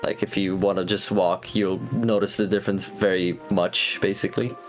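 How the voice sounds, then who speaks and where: A man's voice: deep voice, level tone, moderate pace, faint music behind. A man commentating a speedrun, explaining glitches at length with many fillers and restarts.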